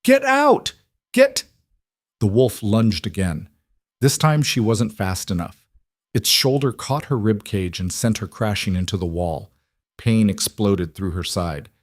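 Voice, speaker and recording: Deep-voiced man narrating a dramatic story. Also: a little slow, no echo, studio quality. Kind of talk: scripted narration.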